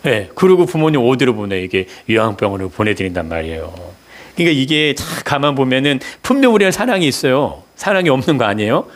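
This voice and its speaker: A male pastor delivers a Sunday sermon at a middle pitch for a man. He keeps putting questions to the congregation and answers them himself, often repeating key words for emphasis. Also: sing-song, fast talker.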